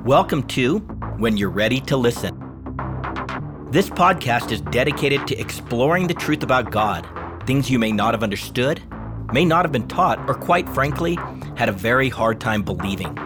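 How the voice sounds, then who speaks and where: A man hosting a Bible teaching podcast, reading scripture and commentary in a measured, deliberate way with slow, emphatic phrases. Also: medium pitch, animated, over music.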